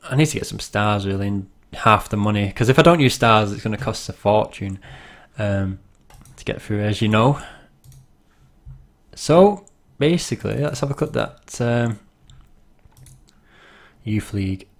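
A man's voice: lowish voice, lively intonation, measured pace, creaky. Rambling man commenting on a game. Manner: rambling, self-deprecating, laughs at himself. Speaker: gaming channel host.

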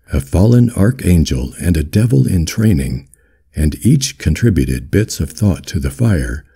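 A man reads literary fiction as an audiobook narrator in a calm, firm, deep voice with a husky edge. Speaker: audiobook reader.

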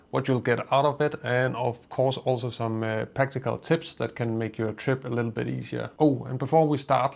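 A man in his thirties casually explaining tips to the camera from a small studio, relaxed and chatty with frequent fillers. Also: mid-range voice, gravelly. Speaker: coffee vlogger. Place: small indoor studio with coffee gear behind.

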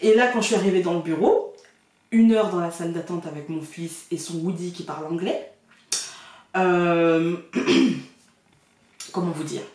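A woman's voice: fairly low pitch, measured pace, long pauses, a little mellow, a little hiss or hum. Woman vlogger, colloquial and laughing storyteller, recorded at a distance in a reverberant room. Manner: chatty, colloquial, laughs often. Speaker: card reader and vlogger. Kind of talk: casual storytelling to camera. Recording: very echoey room, far from the mic.

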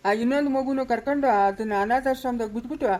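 A woman's voice: sits high, quick pace, a little mellow, close to an everyday voice. A woman playing a stern village father who scolds and gives orders, with a Chikkaballapur Kannada accent. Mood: scolding. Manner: scolding, commanding.

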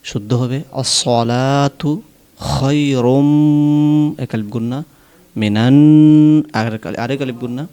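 A man with a Bangladeshi Bengali accent giving a pronunciation lesson, explaining calmly and then chanting long, drawn-out sung phrases. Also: medium pitch. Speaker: azan teacher.

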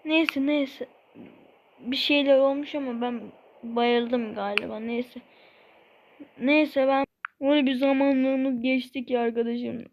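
High-voiced woman rambling through a story. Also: fairly even intonation, slow pace, pauses often, muffled recording, a little hiss or hum. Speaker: channel host playing out a toy story. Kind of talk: casual improvised storytelling.

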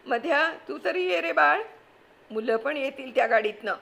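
A woman voicing a brisk young man who gives quick, reassuring orders and mixes in English words, read from a storybook. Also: high voice, expressive, gravelly, fairly bright tone, pitched above the performer's own voice, exaggerated voice. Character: brisk young man rescuing people by car. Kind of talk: storybook reading.

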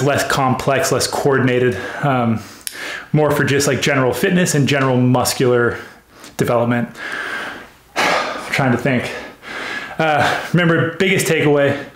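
Breathless man talking in an echoey gym. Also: mid-range voice. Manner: explains between sets, many fillers. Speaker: golf speed trainer. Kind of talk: casual training vlog commentary. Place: small gym room.

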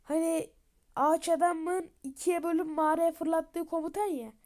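A woman's voice: extremely high pitch, steady tone, moderate pace, darkish tone. A woman narrating a game story, casually chatting to her viewers as friends.

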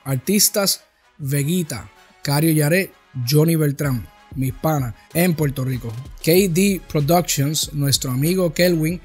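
Upbeat host with a fairly high voice. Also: male voice, husky. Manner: brisk listing of names and credits. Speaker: film academy host. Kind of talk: scripted weekly update. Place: home video studio with monitors and purple lights. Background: faint background music.

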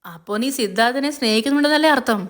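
A woman's voice: on the high side, expressive, rapid-fire, a bit bright, voice pushed up. A woman voicing a young female friend who teases and probes her friend about her hidden love. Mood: teasing. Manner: teasing, probing.

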